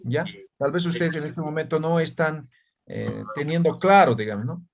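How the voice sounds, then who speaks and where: A man's voice: on the high side, moderate pace, gravelly, muffled recording, crowd noise. Patient man teaching a language class. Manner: patient, frequent "¿ya?" and "¿no?" checks. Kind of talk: online class explanation.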